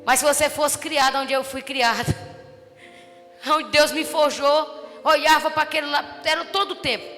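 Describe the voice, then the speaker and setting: Woman pastor, Brazilian accent, high bright voice, animated testimony, church hall echo, soft music behind. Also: moderate pace. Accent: Brazilian Portuguese. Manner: animated storytelling, building to fervent shouts. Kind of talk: testimony sermon. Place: church service.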